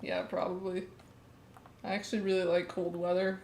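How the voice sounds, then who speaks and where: A woman's voice: lowish voice, level tone, normal speed, gravelly, a little mellow. Nasal woman, joking around on a stream, echoey room, bit of hiss. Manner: casual, joking, laughs often. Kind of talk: casual chat on a livestream. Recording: roomy, faint background noise.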